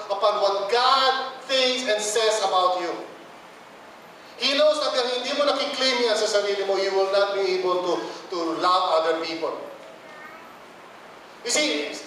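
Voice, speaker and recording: A Filipino man preaching in a high, light voice, switching between English and Filipino and putting on quoted voices. He sounds far from the mic, in a big church hall with heavy echo and faint noise behind him. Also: a bit bright. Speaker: pastor. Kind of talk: sermon.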